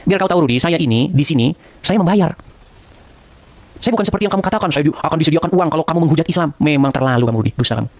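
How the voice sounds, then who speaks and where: Looking straight into the camera, a man fires off a quick scolding, repeating the name of the person he's rebuking. His high, animated, slightly mellow voice climbs in pitch with every point, and the audio is dry and close with no room echo.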